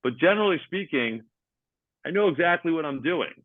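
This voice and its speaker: A man's voice: fairly high pitch, animated, brisk, dry recording. Man explaining over a tinny line. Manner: explains jargon in plain terms, uses sports examples. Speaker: ADHD athlete coach. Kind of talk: explaining in conversation. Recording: tinny phone-like line, dry.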